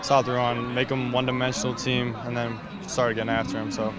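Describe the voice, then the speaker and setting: A young male college football player answers in a flat, matter-of-fact voice, outdoors on the field at night. He speaks into a handheld mic. Loud broadcast music plays underneath. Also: mid-range voice, fairly quick, crowd noise. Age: young adult. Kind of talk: postgame interview. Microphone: reporter's handheld mic.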